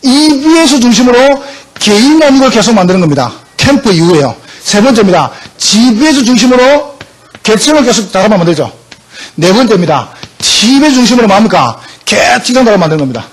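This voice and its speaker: A man's voice: high voice, very animated, a little fast. A male pastor preaching a sermon emphatically, often asking the congregation questions.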